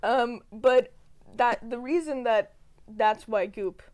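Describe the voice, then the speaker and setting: A woman's voice: a little high, slow pace, a little mellow. A young woman hosting a casual, joking podcast recorded in a basement, giggly and sweary. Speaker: podcast host. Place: basement of a family home.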